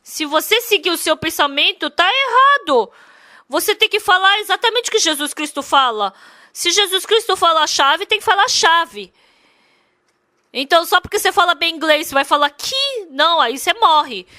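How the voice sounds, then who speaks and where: A woman's voice: extremely high pitch, expressive, normal speed, sharp tone, no echo, studio quality. A woman interprets a sermon. She speaks emphatically, repeats her points and asks the congregation many rhetorical questions.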